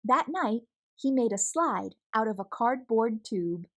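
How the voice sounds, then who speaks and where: Reading a children's picture book aloud, a woman uses a fairly high voice at a slightly slow pace. Her narration is animated and full of expression.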